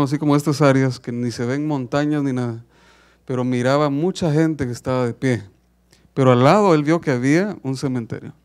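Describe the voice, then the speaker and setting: A man, a pastor, telling a story in a sermon, dramatic and swinging between loud and hushed. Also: on the high side.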